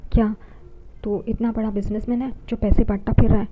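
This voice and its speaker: A woman's voice: fairly high pitch, level tone, fairly quick, close to an everyday voice. A woman voicing a furious middle-aged mother who scolds her son, read plainly in an exasperated tone. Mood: scolding. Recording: tinny phone-like audio, faint hiss.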